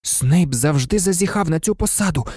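An audiobook narrator reading a story in a lively, expressive way. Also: medium pitch, normal speed, breathy edge, no room sound, studio quality.

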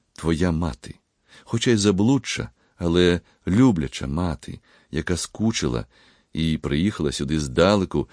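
A man voicing a gentle, devout young pharmacist who speaks quietly, slowly and sorrowfully. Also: sits low, no room sound, clean studio sound.

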